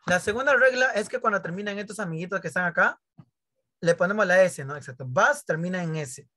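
Bright and ringing, this Peruvian primary school teacher's voice sits high and moves fairly quickly as he explains English grammar in an online class over video call. He teases and jokes with his pupils, playing out their questions in their voices.

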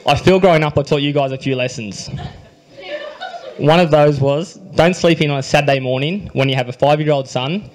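At a wedding reception indoors, a young man with an Australian accent delivers his prepared groom's speech through a handheld microphone. Understated and dry, he adds gentle humor, keeps clearing his throat, and lets a quiet emotion show through. He speaks a little fast with a fairly high pitch, on a rough recording.

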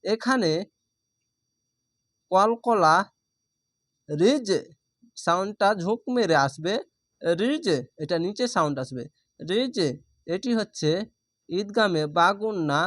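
A man's voice: sits high, fairly bright tone, dry recording, clean studio sound. A man teaching Quran reading, patiently spelling out each syllable letter by letter and explaining the rules as he goes. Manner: spells out syllables slowly and methodically.

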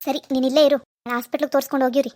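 A woman's voice: high-pitched, level tone, rapid-fire, darkish tone, lightly acted. A woman voicing a doting, scheming middle-aged mother in a cartoon, who coaxes her daughter in a conspiratorial way. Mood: coaxing. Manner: coaxing, conspiratorial. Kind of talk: cartoon voice acting.

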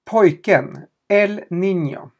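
This mid-range, slightly mellow voice belongs to a language teacher leading a Q&A lesson. Letters get spelled out and patiently repeated, with small pauses of hesitation during explanations.

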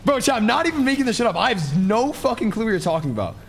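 An eighteen-year-old man streaming a game, talking fast and swearing as he loudly protests. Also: high voice, sing-song, creaky, a little hiss or hum. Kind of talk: casual chat while gaming.

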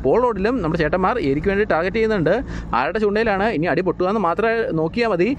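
A Malayali man with a high, bright voice rattles off excited fishing commentary at a fast clip. He sounds hyped and talks right at his viewers. Faint outdoor ambience sits behind him. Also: muffled recording, a little hiss or hum. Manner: energetic, hyped, addresses viewers as buddies. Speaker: fishing vlogger narrating.

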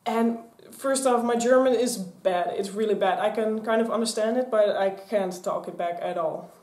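In an echoey little craft room full of shelves and mannequins, a Dutch woman in her 20s talks casually to a camera on a stand. Her voice is mid-pitched and darkish, at a normal pace, and she rambles and gestures a lot as she chats.

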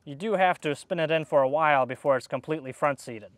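A young HVAC technician works on an outdoor air conditioner and explains each step as he goes. His voice is on the high side and his pace is quick, giving the feel of a hands-on tutorial right beside the AC unit.

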